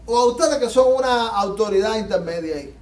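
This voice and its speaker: Male pastor, very high voice, fervent sermon delivery, heard from off-mic in an echoey church. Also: expressive, a little fast, darkish tone, far from the mic. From Latin America. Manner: fervent, rising to emphatic peaks and dropping low. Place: church sanctuary.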